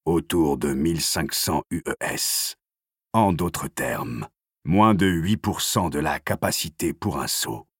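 A man voicing a grave, monotone male voice speaking inside someone's head, deep and flat in an audiobook reading. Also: slow, slightly rough, dry recording, studio quality, heavily acted.

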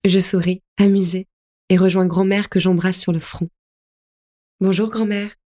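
A woman narrating a first-person audiobook in a soft, tender, melancholy way. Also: lowish voice, flat delivery, moderate pace.

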